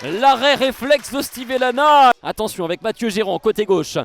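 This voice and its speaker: A man giving excited football commentary outdoors, shouting out goals and key moments. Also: very high-pitched, normal speed, creaky, no echo.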